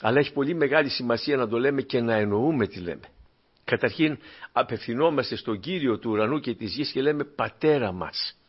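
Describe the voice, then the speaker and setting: A man preaching a sermon to his congregation with fervor, moving between quiet, low asides and loud, emphatic peaks. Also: slightly rough. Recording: dull lo-fi recording.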